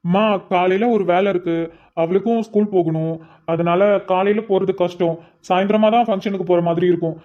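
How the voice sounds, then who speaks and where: A performer voicing a busy, dutiful young father in a family cartoon who calmly explains his plans. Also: medium pitch, brisk, lo-fi sound, lightly acted. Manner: calm, explaining, patient. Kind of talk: cartoon voice acting.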